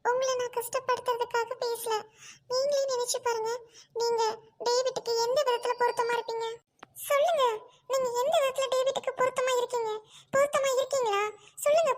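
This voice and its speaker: A woman's voice: very high voice, slight background noise. A woman voicing a young woman doctor who pleads and insists, in an amateur audio drama.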